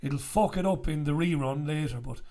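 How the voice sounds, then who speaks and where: Speaking straight to camera in a small, bright indoor room, a show host in his forties sounds croaky after an illness. His voice is a little high and mellow at a moderate pace, and he's chatty and blunt, swearing freely into a studio mic on a stand in front of him.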